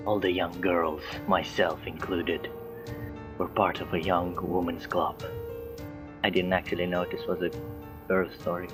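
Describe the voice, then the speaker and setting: Background music accompanies a man reading a story aloud like an amateur, tripping over words and adding offhand asides. His voice sits low, and his delivery is flat and unhurried, with long pauses.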